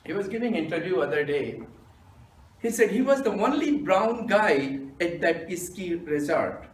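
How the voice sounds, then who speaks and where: A man, telling self-mocking jokes in a deadpan storytelling manner as a humorous club speaker. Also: high-pitched, a little slow. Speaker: stand-up speaker. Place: meeting room with audience. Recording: echoey room from a distance.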